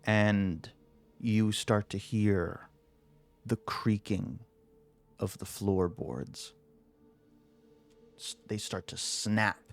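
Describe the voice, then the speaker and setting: A man narrating a tabletop fantasy game as game master, telling it with suspense and deliberate pauses. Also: on the low side, steady tone, creaky, faint music behind.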